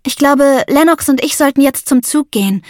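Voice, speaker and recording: A woman voicing a warm, affectionate girl who speaks in a bright, earnest way. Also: sits high, moderate pace, no room sound, studio quality, pitched above the performer's own voice, close to an everyday voice.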